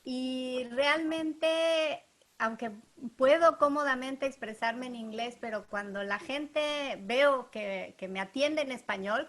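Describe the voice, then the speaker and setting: A middle-aged woman hosting an interview, speaking in a reflective, measured way. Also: high-pitched, fairly bright tone. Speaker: interviewer, show host. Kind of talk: conversational interview.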